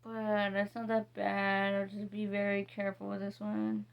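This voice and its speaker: A woman talks through a soap review in a loose, casual way. She reads ingredient names slowly and wanders between thoughts, stopping and restarting often. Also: mid-range voice, monotone, vocal fry, dull audio. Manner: rambling, reading ingredients slowly, with many fillers and restarts. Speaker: vlogger reviewing soaps. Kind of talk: casual product review chat.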